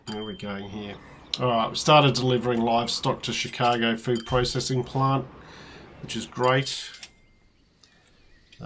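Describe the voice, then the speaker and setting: An Australian man thinking aloud as he plays a strategy game, counting quietly under his breath, his voice worn and starting to go. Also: medium pitch, noisy background. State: losing his voice. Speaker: let's play host. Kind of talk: casual gameplay commentary.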